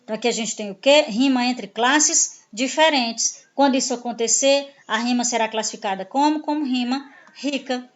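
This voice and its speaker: A woman's voice: on the high side, moderate pace, hardly any pauses, muffled recording. A woman with a Brazilian Portuguese accent teaching a grammar lesson, explaining step by step and answering her own questions.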